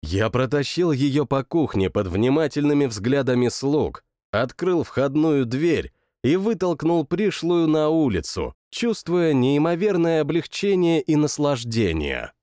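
A man's voice: on the high side, measured pace, hardly any pauses, no echo, clean studio sound. A man narrating an audiobook in first person, with growled outbursts. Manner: lively, growling outbursts in quoted lines.

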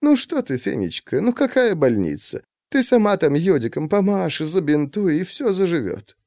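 A man's voice: fairly high pitch, sing-song, moderate pace, a little mellow, no echo, studio quality, pitched above the performer's own voice. A man voicing a furtive middle-aged husband who mumbles evasively and turns harsh.

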